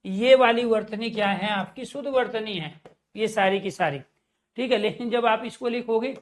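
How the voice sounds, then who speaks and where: A man's voice: high voice, normal speed. Guy teaching hindi grammar online, keeps asking the class stuff then answering it himself. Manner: asks the class questions and answers them himself; addresses viewers as dear friends.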